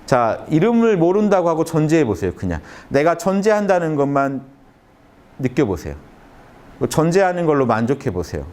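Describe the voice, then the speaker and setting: A man giving a lecture to young adults in a conference room, talking listeners through a calming exercise with short repeated phrases and emphatic stresses. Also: moderate pace. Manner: lively, emphatic delivery with sudden rises in pitch. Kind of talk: motivational humanities lecture.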